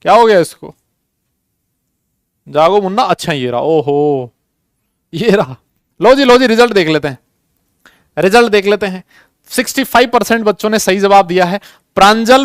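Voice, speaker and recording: A man's voice: high voice, big pitch swings, normal speed, clean tone, no echo. A young man teaching chemistry in a live online class, chatty and jokey, calling students beta as he runs polls.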